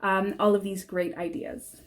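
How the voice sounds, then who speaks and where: A woman's voice: medium pitch, flat delivery, slow. A woman giving an upbeat, conversational interview statement. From Canada.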